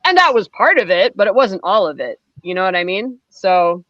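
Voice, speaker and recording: A woman percussionist answering interview questions in a thoughtful, hedging way, often pausing to rephrase. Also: mid-range voice, big pitch swings, fairly bright tone, dry recording. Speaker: percussionist guest. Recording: dull lo-fi sound.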